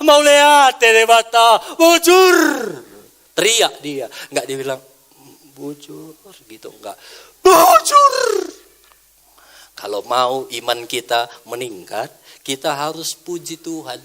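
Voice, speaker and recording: A male pastor, preaching a sermon in an animated way, dropping to soft asides and rising to loud exclamations. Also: medium pitch. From Indonesia.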